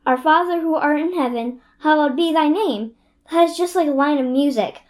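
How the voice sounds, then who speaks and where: A woman's voice: high voice, moderate pace, natural voice. Young woman voicing a fiery orphan girl. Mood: dreamy. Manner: dreamy then explosively furious.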